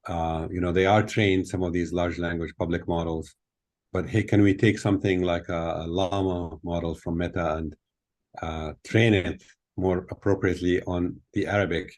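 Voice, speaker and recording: Deep-voiced older man on a video call. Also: fairly even intonation, normal speed, darkish tone. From Tunisia. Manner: thoughtful, explanatory, with many fillers. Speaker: guest speaker. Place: hotel room with window. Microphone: laptop webcam on video call.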